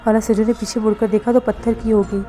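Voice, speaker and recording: A woman narrating a horror novel in a steady, dramatic storytelling manner. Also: a little high. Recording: faint background music.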